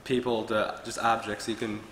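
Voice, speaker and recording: A man's voice: on the low side, flat delivery, moderate pace, fairly bright tone, slight background noise. A young man preaching a short sermon from a pulpit, earnestly reading from his notes. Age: young adult. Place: church hall with wood-paneled walls. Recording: echoey hall with long reverb.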